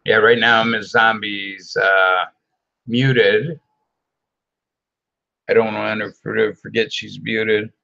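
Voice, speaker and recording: Man, livestream host, slow drawl, gravelly fry, dull lo-fi call audio, joking. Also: on the low side, flat delivery, pushed and bright. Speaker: host of a late-night live show. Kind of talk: casual livestream chat. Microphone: video call.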